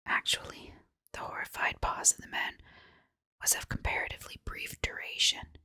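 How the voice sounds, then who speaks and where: A woman narrates a horror tale in a soft ASMR whisper with no voiced tone. The sound is very crisp and sibilant, close to the mic in a dry space. Her phrasing is hushed and deliberate. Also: no room sound. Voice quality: breathy, unvoiced whisper. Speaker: ASMR story reader.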